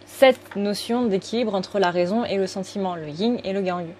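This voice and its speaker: A woman's voice: medium pitch, normal speed, dark tone, a little hiss or hum. A woman giving a casual, rambling tarot reading, full of fillers and self-corrections. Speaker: tarot card reader.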